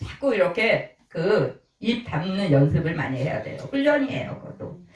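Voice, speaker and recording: A woman's voice: on the low side, sing-song, normal speed, darkish tone. A middle-aged woman pastor preaching a conversational sermon, asking her congregation questions and acting out little quotes. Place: small church sanctuary. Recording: echoey church hall, distant mic.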